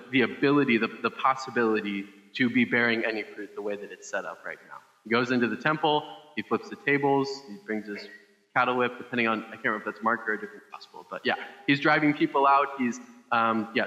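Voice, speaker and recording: A man's voice: medium pitch, pushed and bright, in a large hall, lo-fi sound. A man preaching a casual Sunday sermon on a microphone, chatty and loose, with many fillers and restarts. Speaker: pastor. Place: church service.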